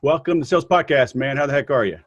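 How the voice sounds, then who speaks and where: A man's voice: medium pitch, fast, no room sound. A man with a Southern US accent hosting a podcast, bantering casually in a teasing, mock-combative manner. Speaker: podcast host.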